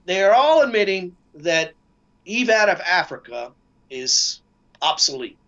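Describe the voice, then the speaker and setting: A man talking casually as a guest, halting often with fillers and restarts. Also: sits high, big pitch swings, fairly bright tone, muffled recording. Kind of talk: casual discussion.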